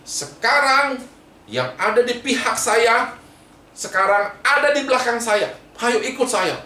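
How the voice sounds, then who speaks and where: A man's voice: extremely high pitch, expressive, measured pace, bright, forceful tone, pitched above the performer's own voice, full character voice. A man voicing an angry old prophet who scolds and commands his people, in a children's Bible story. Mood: commanding. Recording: echoey room, mic far off.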